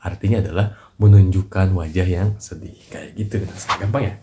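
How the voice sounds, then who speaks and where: Man, very low voice, relaxed chatty teacher, noisy recording with clicks. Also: a little fast. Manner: relaxed, chatty, trailing off softly at line ends. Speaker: Japanese language teacher. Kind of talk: casual lesson in short clips.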